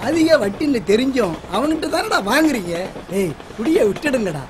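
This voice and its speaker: A man's voice: extremely high pitch, sing-song, moderate pace, noisy background. An actor playing a moralizing old man scolding drinkers. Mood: preachy. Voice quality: preachy, moralizing. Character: elderly man lecturing drunks on debt. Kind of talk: Tamil film comedy acting.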